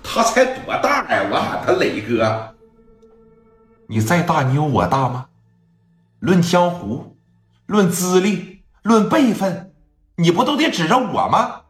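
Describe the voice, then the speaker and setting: A man's voice: high-pitched, sing-song, a little slow, long pauses, pitched above the performer's own voice. A man voicing a bossy older woman gang elder who lectures and scolds with indignant boasting. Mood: scolding. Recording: echoey room, faint music.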